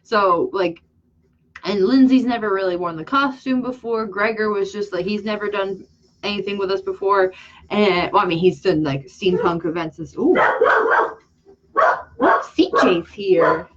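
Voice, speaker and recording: A woman hosting a casual livestream chat, rambling excitably and losing her train of thought. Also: mid-range voice, unhurried. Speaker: channel host and makeup artist. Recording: dull lo-fi sound.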